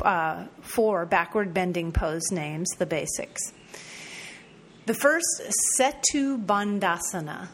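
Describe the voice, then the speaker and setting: A woman yoga teacher giving a recorded lesson, repeating and spelling out terms slowly with casual asides. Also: fairly low pitch, a little hiss or hum.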